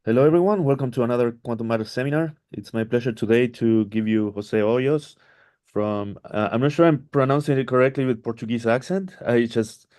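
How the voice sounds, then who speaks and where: A man's voice: mid-range voice, quick pace, few pauses, a little mellow, no echo. A man hosting an online seminar, introducing the speaker with many hesitant ums and uhs. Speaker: seminar host. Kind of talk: introducing a speaker over a livestream.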